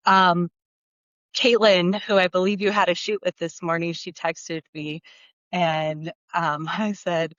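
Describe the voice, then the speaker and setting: A woman records a voice memo on her phone while crying. She talks haltingly, trails off into fillers and laughs, and her voice stays tearful throughout. The audio is dull and lo-fi, with a dry sound. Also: lowish voice, flat delivery, fairly bright tone, dry recording. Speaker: listener sending a voice message. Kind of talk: emotional voice memo.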